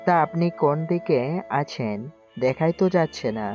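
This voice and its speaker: A woman voicing a brash young tough guy, low-voiced. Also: animated, normal speed, darkish tone, soft background music. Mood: quarrelsome. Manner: blunt, quarrelsome.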